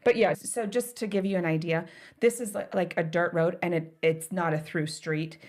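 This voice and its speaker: A woman's voice: on the low side, steady tone, normal speed, a little mellow. A woman co-hosting a casual podcast, chatty and playful, often restarting her sentences. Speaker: podcast co-host. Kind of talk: casual chat.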